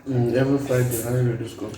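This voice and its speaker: A man's voice: mid-range voice, little pitch movement, fast, dark tone, slight background noise. Nigerian guy chatting on a mukbang, mid voice, echoey room, far from the mic. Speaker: mukbang co-host. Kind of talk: casual mukbang eating chat.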